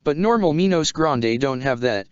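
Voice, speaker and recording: A man reading a fan fiction story aloud in a steady, even way. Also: a little high, moderate pace, clear, resonant tone, no room sound. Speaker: narrator. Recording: dull lo-fi sound.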